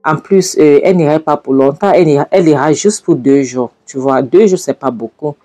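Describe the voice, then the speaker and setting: A woman's voice: low-pitched, brisk, mellow, dry recording. A woman voicing a man, the mother's boyfriend, who soothes and coaxes the others and keeps asking "okay?". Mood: coaxing. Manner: soothing, coaxing, repetitive "d'accord?".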